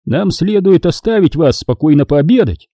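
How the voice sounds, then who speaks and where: A man reading the part of a calm, wise older male Jedi master in an audiobook, speaking in a measured, unhurried way. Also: fairly high pitch, no room sound, studio quality, voice pushed up.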